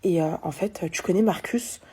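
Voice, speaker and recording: A woman doing a soft, hushed young woman client. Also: brisk, breathy edge. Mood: hushed, earnest. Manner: speaks softly, in a low hush. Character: earnest young woman client, soft-spoken, dead serious.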